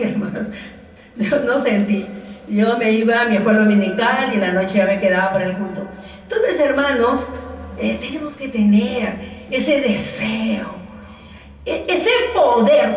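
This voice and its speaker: A woman's voice: a little high, slight background noise. Older woman preaching in an echoey church. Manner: addresses listeners as brothers constantly, laughs often. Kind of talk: sermon. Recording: echoey church room, voice from the mic's distance.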